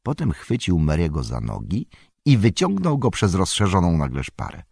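A man narrating an audiobook with a deep, low voice. His reading is lively, the pitch swinging widely as he tells the story. The sound is dry and close to the mic. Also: moderate pace, vocal fry, husky, dry recording.

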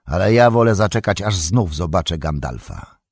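A man reading aloud, voicing a calm, loyal male royal guard in a husky voice. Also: low voice, normal speed, no room sound, clean studio sound, exaggerated voice.

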